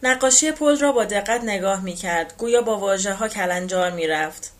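A woman reading a novel aloud in an even, unhurried way. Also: mid-range voice. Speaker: audiobook reader.

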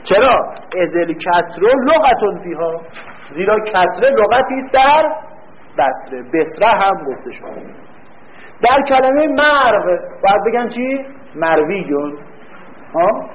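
A man teaching a grammar class, quizzing his students and answering his own questions, reading lines slowly and then explaining them quickly. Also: high-pitched. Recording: dull lo-fi recording.

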